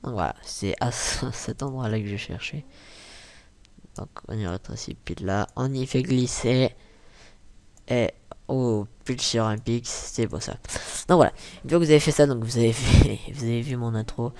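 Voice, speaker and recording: Rambling young man walking through software. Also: mid-range voice, normal speed. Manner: rambling, many fillers and self-corrections; mutters asides, swears and apologizes. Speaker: tutorial maker. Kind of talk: casual screen-recording tutorial.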